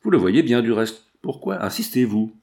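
A man's voice: medium pitch, big pitch swings, moderate pace, vocal fry, dark tone. A man reading an audiobook, voicing a proud young Englishman who speaks in a haughty, indignant way.

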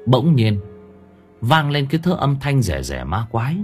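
A man narrating a horror audiobook with suspenseful, expressive delivery. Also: medium pitch, unhurried, soft background music. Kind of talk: dramatic horror story narration.

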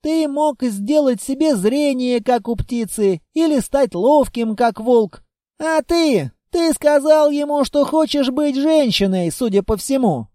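Reader doing a mocking tired comrade, raised voice, slow deliberate delivery. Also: high voice, lively intonation, warm tone, no room sound, studio quality, pitched above the performer's own voice. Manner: mocking, exasperated. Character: weary sarcastic companion, often laughing.

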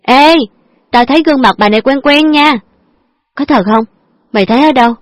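A woman's voice: a little high, normal speed, no echo, pitched above the performer's own voice, natural voice. A woman narrator voicing a cheeky young female friend who teases. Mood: excited.

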